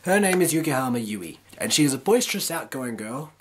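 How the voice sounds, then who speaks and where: A woman reviewing anime to camera with a raspy, rough voice, hoarse from the flu. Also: very deep voice, very animated, fairly quick, slight background noise. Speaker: anime reviewer, video host. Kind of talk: review to camera, semi-scripted.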